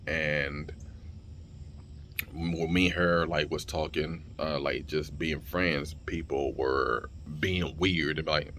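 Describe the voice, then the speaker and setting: A man's voice: extremely low pitch, fairly even intonation, slow pace, a bit bright, a little hiss or hum. A young man talking straight to camera in a casual vlog, blunt and heated, swearing freely and stumbling over repeated words. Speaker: vlogger and streamer.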